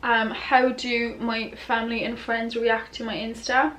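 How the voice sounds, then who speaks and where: A woman's voice: a little high, little pitch movement, measured pace, fairly bright tone, a little hiss or hum, low-quality recording. A young woman answering follower questions in a casual, candid, giggly and tipsy chat. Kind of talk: casual chatty Q&A to camera.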